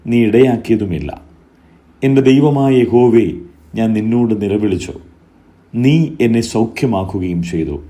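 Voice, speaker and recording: A man reads scripture in a solemn, measured way, pausing after short phrases. His voice sits a little low and sounds very dark and mellow. He lifts his pitch on each call of address. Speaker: scripture reader.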